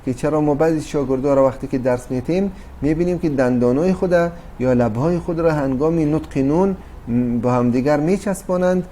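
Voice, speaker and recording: A man whose voice sits on the high side with a dark tone teaches Quran recitation in a recorded lesson, and a little background noise can be heard. He speaks patiently to his "dear brothers and sisters," with fillers and false starts along the way.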